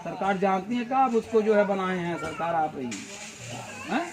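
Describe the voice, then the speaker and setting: A man's voice: high-pitched, moderate pace, crowd noise. A man giving an outdoor village meeting speech as a party organizer, full of rhetorical questions and folksy analogies.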